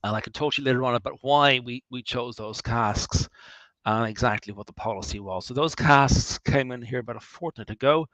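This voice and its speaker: An Irish man in mid-range pitch guides listeners around his distillery, chatting with wry humour. His voice is close and dry, with little room sound. He restarts sentences often as he thinks aloud. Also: brisk, a bit bright, no echo, poor audio. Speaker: distillery founder leading a tour. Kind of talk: guided tour talk, answering questions.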